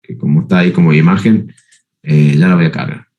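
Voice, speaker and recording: A man's voice: rumbling low, steady tone, brisk, highs cut off. A man giving a university math lecture, working step by step through the notes and checking that students follow. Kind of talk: university lecture on analytic geometry.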